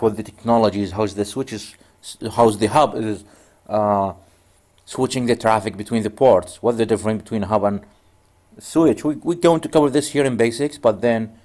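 Guiding viewers through a networking tutorial on a screen recording, an instructor whose native tongue is Arabic speaks at a medium pitch with a slightly mellow quality. He rambles and restarts often.

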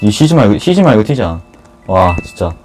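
A man giving casual commentary on an online game he is playing, swinging between loud cheers and nervous muttering. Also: fairly low pitch, very animated, normal speed, soft background music, rough recording. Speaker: gaming YouTuber.

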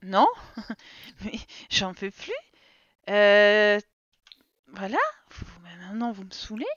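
A woman's voice: mid-range voice, fairly even intonation, takes it slowly, fairly bright tone, dry recording, highs cut off. A woman streamer chatting casually while playing a life-sim game, teasing her characters and reading her chat aloud. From France. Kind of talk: casual live-stream commentary.

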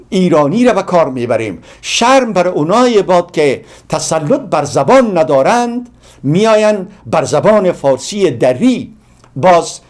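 A middle-aged Afghan man with a Dari accent and a mellow, somewhat high voice appears as a guest speaker on a community TV program. His speech is impassioned, building its points through long strings of repeated phrases.

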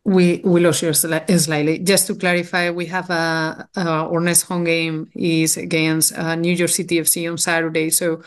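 A woman's voice: fairly low pitch, flat delivery, moderate pace, hardly any pauses. A woman moderating a post-match press conference in a polite, businesslike way.

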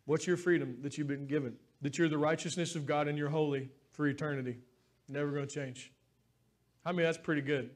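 A man's voice: fairly high pitch, fairly even intonation, a little fast. A man preaching a sermon as pastor in a church, talking in an earnest, heartfelt, conversational way.

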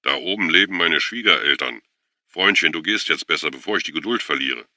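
A man's voice: extremely low pitch, lively intonation, brisk, gravelly, pushed and bright, dry recording, studio quality, heavily acted. A man reading an audiobook voices a big, heavyset husband who threatens firmly and almost friendly. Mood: threatening. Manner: firm, nearly friendly menace.

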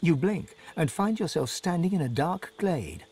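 A vivid game narrator, telling each scene with drama. His voice is somewhat husky and moves a lot in pitch. It sits a little high for a man. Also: a little slow, full character voice. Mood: calm. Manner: expressive, dramatic. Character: male storybook narrator, vivid.

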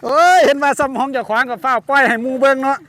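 A man's voice: very high-pitched, level tone, racing, bright, forceful tone. A man with a Northeastern Thai Isan accent, giving casual, exclamatory running commentary to viewers outdoors, often repeating words. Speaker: fishing vlog host. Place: outdoors at a rural pond.

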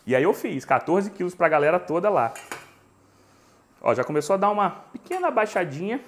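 Brazilian man in his forties hosting a cooking stream, animated storyteller, a bit high-pitched, close lapel mic. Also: fairly quick, a little hiss or hum. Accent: Brazilian Portuguese. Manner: animated storytelling, chatty and joking with viewers. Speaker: cooking show host. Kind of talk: live cooking stream chat. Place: home kitchen, indoors.

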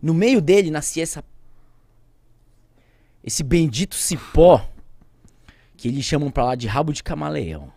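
Husky brazilian guy on a podcast, goes from shouting to almost whispering, really animated. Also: fairly high pitch, unhurried, pauses often, dry recording. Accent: Brazilian Portuguese. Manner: intense, swings from loud outbursts to near-whispers; speaks with conviction, addresses viewers directly. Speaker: podcast guest, pilot. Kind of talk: emotional storytelling.

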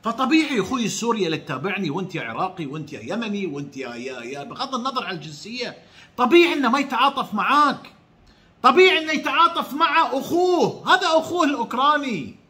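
A man preaches straight to his online viewers, asking rhetorical questions and repeating his points. His voice sits very high and sounds sharp and bright. His pitch swings widely as he presses each point. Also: big pitch swings, fast. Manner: rhetorical, repetitive, addresses viewers directly. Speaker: online religious commentator. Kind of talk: preachy direct-to-camera talk.

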